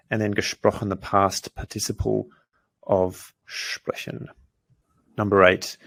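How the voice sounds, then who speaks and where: In a fairly low-pitched voice, a man leads a grammar-focused language lesson. Patient with his example sentences, he slows down to voice the foreign phrases clearly.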